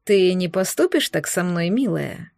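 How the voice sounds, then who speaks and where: A woman voicing a smug, cruel male sorcerer in an audiobook, speaking in a honeyed, sneering, deliberate way. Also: mid-range voice, very animated, dry recording, studio quality. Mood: menacing. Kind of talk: audiobook character voice.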